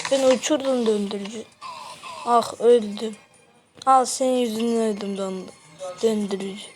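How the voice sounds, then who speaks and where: A woman's voice: a little high, a little mellow, low-quality recording. A woman giving casual commentary on her own gameplay, with dramatic yelps and wails whenever her character falls. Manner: dramatic yelps and wails at each fall, slow chatty talk. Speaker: gaming video host.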